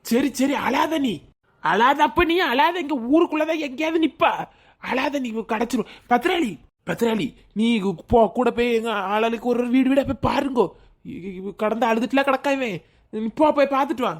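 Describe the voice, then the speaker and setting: A woman's voice: high-pitched, moderate pace. A woman voicing a bossy older village woman, giving orders and scolding. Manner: commanding, scolding.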